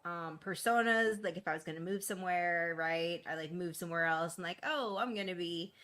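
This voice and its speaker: A woman's voice: fairly low pitch, fairly quick, sharp tone. Chatty woman telling her story candidly. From East Boston, Massachusetts. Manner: candid and chatty, frequent fillers and laughs. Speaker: guest. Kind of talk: casual interview.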